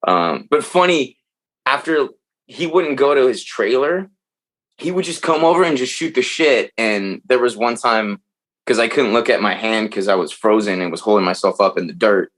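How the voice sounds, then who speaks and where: A man talking as a podcast guest, telling stories in a loose, animated way and swearing freely. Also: medium pitch, normal speed. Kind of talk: casual chat.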